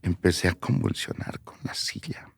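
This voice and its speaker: A man giving a personal testimony on the radio, telling his story haltingly and often dropping to a soft near-whisper. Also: dry recording, clean studio sound. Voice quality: creaky, husky voice.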